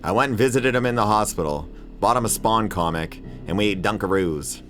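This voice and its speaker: Over background music, a thirties-aged channel host delivers his casual video essay in a slangy, profane, opinionated and irreverent style. He speaks on the low side, fairly quickly, with a fairly bright tone.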